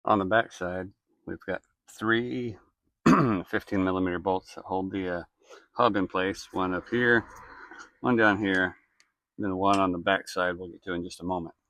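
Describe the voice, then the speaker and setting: Working with his hands, a male DIY mechanic narrates a repair plainly and folksily in a low, slightly bright voice at a moderate, fairly steady pace. Clicking and shop noise come through clearly in the background.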